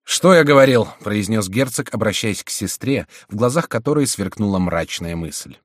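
A man narrating an audiobook in a steady storytelling manner. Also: lowish voice, moderate pace, no room sound, studio quality.

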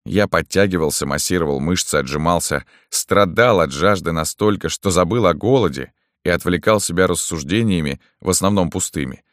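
Male narrator, first-person novel, very low voice, dry close sound. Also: brisk, few pauses, dry recording. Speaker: audiobook narrator.

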